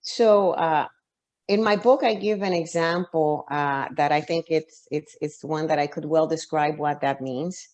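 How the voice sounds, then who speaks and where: A woman with a slightly low voice speaks as an author guest in an interview. She answers at length and thinks aloud, restarting phrases and using plenty of fillers as she works out each point. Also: unhurried, a little mellow. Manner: reflective, with frequent restarts and fillers.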